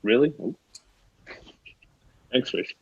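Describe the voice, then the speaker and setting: A man's voice: slow pace, dry recording, lightly acted. A man reading a pompous, self-important middle-aged school principal in an unrehearsed script read-through. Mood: flattered. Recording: dull, dry, lo-fi recording.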